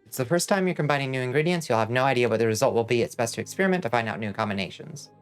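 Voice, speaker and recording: A man's voice: mid-range voice, lively intonation, racing, smooth, soft background music, lightly acted. Man voicing a formal, helpful fantasy alchemist. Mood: instructive. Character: helpful fantasy alchemist shopkeeper explaining potions and wares. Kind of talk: fantasy video game character read aloud.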